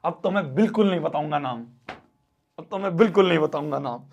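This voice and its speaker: A young man with a high voice runs a live online math class. He speaks, repeats his points, and alternates between scolding the students and pleading with them. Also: lively intonation, fairly quick, vocal fry, darkish tone. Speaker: math teacher.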